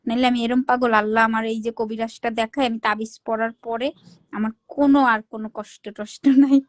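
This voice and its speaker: Loud teasing woman on a dry phone mic. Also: on the high side, little pitch movement, quick pace, no room sound. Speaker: live stream host. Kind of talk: casual live chat.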